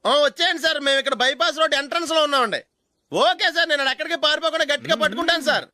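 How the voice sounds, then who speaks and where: A man's voice: very high-pitched, very fast, bright, forceful tone, heavily acted. An actor playing a coaxing, wheedling driver trying to talk his way out of a crash. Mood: sly. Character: fast-talking pleading driver, man.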